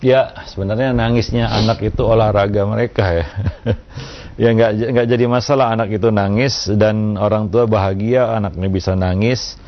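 A male preacher answering a listener's question with calm religious advice, unhurried and full of little "ya" tags, on a dull lo-fi recording. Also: fairly low pitch. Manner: unhurried, with frequent "ya" and "kan begitu" tags.

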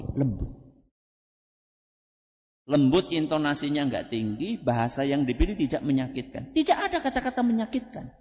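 A man preaches in a religious lecture. His voice sits a little high and swoops up and down as he quizzes the audience and answers his own questions. The sound rings with a long hall reverb. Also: darkish tone. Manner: asks the audience questions and answers them himself; recites Arabic phrases slowly, then explains them.

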